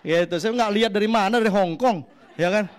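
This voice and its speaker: A male pastor delivers a sermon in a voice that sits high for a man. He tells personal stories with humorous asides. He keeps turning to the congregation to address them directly. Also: fairly quick, a faint crowd. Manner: animated storytelling with joking asides; addresses congregation often as "saudara".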